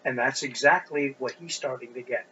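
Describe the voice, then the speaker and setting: A middle-aged man preaching an expository sermon as a pastor, speaking deliberately and pushing up his voice on stressed points. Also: medium pitch, pushed and bright. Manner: deliberate, with emphatic rising stresses. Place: church sanctuary. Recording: dull lo-fi recording with faint hum.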